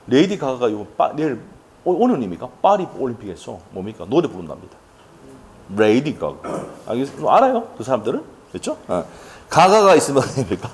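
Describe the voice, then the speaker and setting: A middle-aged man teaching an exam-prep law lecture, firing rhetorical questions and chatty asides at his students. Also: mid-range voice.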